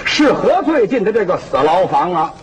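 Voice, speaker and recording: A man's voice: high-pitched, moderate pace. A man with a Shandong accent voicing a cocky yet courteous young male outlaw hero who speaks boldly, on a hissy old recording. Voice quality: bold, lively.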